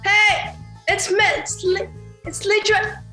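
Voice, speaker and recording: Lady doing a glitchy voice breaking up like a bad stream, slow, echoey room. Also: very high-pitched, steady tone, bright, forceful tone, faint music behind, voice pushed up, heavily acted. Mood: urgent. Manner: breaks words off and repeats them, acting a choppy, dropping connection. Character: woman character calling through a glitching magic link. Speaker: player. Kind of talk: tabletop roleplay in character. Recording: roomy echoey sound.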